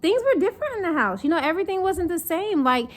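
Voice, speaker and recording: Her voice very high and her pace quick, a young woman vlogs animatedly to camera in a Southern accent mixed with northern speech. She's from North Carolina, chatting casually and acting out mocking quotes.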